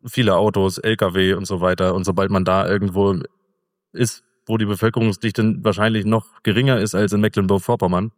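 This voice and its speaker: Man, middle-aged, low voice, relaxed rambling storyteller, dry sound with long reverb. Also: fairly quick. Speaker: interview guest, motorcycle traveler. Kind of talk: casual conversational storytelling.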